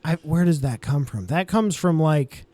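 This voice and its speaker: Male podcast co-host, slightly high voice, dry close sound, quick and jokey. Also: lively intonation, mellow, dry recording. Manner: quick to chime in with short reactions and jokes. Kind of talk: casual chat.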